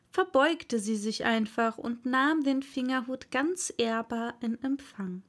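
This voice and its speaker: A woman narrating a children's storybook in a calm, clearly articulated reading. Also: sits high. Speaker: audiobook reader.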